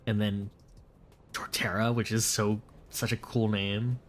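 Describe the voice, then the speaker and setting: A man's voice: lowish voice, flat delivery, measured pace, slight background noise. A man streaming late at night, chatting casually and rambling, correcting himself as he replies to viewers.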